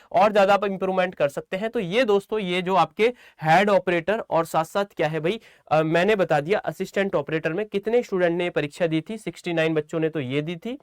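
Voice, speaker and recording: Recorded cleanly in a studio with no echo, this man's smooth voice sits high as he coaches students informally. He repeats key phrases to drive points home and keeps checking whether they're keeping up.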